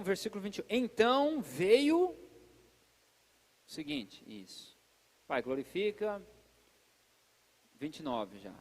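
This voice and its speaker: A man with a high voice preaches at a church service in a lively, conversational way, talking straight to the congregation. His voice rings out with a long reverb that hangs in the big hall. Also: slightly rough. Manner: lively and chatty, addresses the congregation directly. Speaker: pastor. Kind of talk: conversational sermon.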